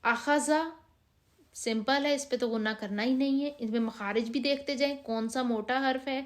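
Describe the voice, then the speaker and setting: A woman's voice: a little high, steady tone. Patient woman teaching recitation, Pakistani Urdu. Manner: patient, drawn-out reading of practice words. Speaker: Quran reading teacher. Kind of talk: step-by-step recitation lesson.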